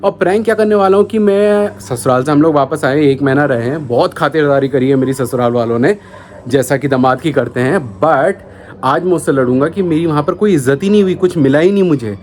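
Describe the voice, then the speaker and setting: A man's voice: a little high, fairly quick, darkish tone, a little hiss or hum. A young man hosting a prank vlog, talking casually and then grumbling and insisting in an argument with his wife. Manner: grumbling, insistent, repeats himself.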